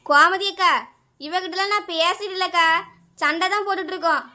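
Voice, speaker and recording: Woman doing shrill scolding village neighbour. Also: fairly quick, pushed and bright. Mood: complaining. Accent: Kanyakumari Tamil. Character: fed-up adult woman neighbour, quarrelsome.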